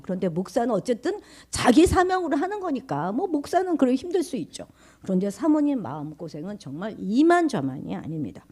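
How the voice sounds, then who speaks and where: A woman pastor delivers a sermon in a very lively, sing-song voice that rises and falls widely. She moves from raised, emphatic lines to hushed whispers. She keeps turning to the congregation with questions. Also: mid-range voice. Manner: conversational, asks the congregation questions. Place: church.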